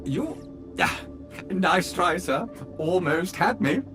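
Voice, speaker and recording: A man's voice: high-pitched, lively intonation, slow pace. An actor voicing a fawning, overly polite male butler robot in a video game, prim and courteous, always addressing his master as sir. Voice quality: prim and exaggeratedly courteous, calls everyone sir. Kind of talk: studio video game voice acting. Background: game music.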